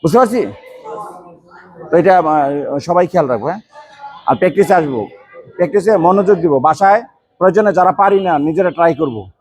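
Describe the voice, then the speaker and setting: A man runs a karate class in a training hall, barking stance names in a high voice. He quizzes the students one by one and pushes them firmly to speak clearly. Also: animated, fairly quick, long pauses. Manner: loud drill calls, quizzing students, firm coaching. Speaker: karate instructor.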